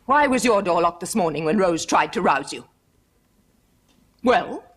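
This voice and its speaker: A firm, well-bred lady of the house in a period TV drama, with a husky voice that rises and falls with lively expression. She issues crisp upper-class commands and softens into gentle comfort. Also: on the low side, a little slow. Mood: stern. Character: aristocratic lady of the house, firm yet kindly. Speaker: mistress of the house. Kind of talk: 1970s period television drama.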